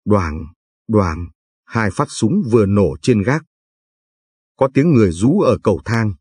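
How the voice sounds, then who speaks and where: Brief: male audiobook narrator, husky, dry close sound, faint music behind. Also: on the low side, expressive, unhurried, a little mellow, no echo.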